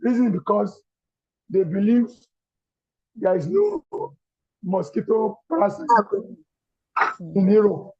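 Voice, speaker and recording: Slow, halting Nigerian man on a dull call. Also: sits high, very animated, vocal fry, warm tone, breathy edge, dry recording. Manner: slow, halting, many fillers. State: strained voice. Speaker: coach, invited guest. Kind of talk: casual talk on an online call.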